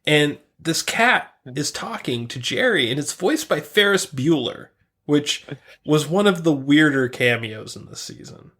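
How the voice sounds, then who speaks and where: Young guy podcasting, laughs a lot, swears, acts out the scenes. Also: fairly high pitch. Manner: animated storytelling, acts out scenes in quick put-on voices, laughs often, swears. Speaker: podcast co-host. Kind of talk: casual review chat.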